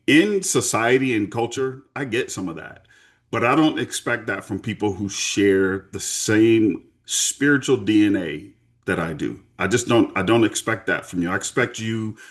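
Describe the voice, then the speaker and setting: A man hosting a podcast conversation, speaking in a candid, earnest way. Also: lowish voice. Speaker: podcast host. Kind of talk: conversational interview.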